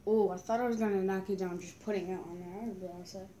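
A woman's voice: mid-range voice, fairly even intonation, fast, warm tone. A young woman chatting casually and giggling over a game, using slang. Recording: echoey room, background noise.

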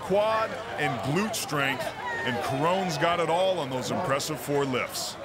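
A man from California doing color commentary on a strongman event, analytical and animated. His pitch sits a bit high and swings a lot. A loud crowd and heavy noise surround him. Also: measured pace. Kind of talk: sports commentary.

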